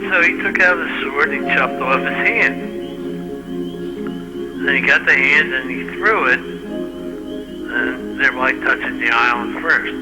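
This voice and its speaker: A man telling a family legend in an unhurried, halting, repetitive way. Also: mid-range voice, low-quality recording. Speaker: relative telling family lore. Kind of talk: casual family storytelling. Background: loud music.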